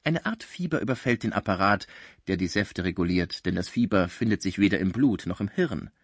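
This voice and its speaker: Male audiobook narrator, husky and dry, lively measured reading of classic prose. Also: deep voice, no echo. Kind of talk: scripted narration of a classic novel.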